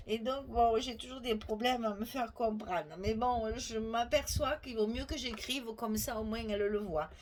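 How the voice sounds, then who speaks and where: A woman's voice: on the high side, measured pace, a little hiss or hum, rough recording. Chatty Provençal woman teaching crafts. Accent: Provençal French. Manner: talkative, thinks aloud and corrects herself mid-sentence. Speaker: scrapbooking tutorial host. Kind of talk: chatty step-by-step craft tutorial.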